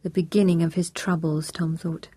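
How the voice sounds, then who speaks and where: Woman reading an audiobook, steady pace, kinda breathy, no room echo. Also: fairly low pitch, moderate pace. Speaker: audiobook narrator. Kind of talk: scripted audiobook narration.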